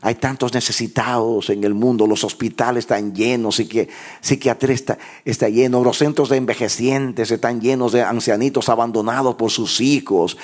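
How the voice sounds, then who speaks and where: A pastor leading a fervent prayer in church, moving between hushed low pleas and raised impassioned cries. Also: male voice.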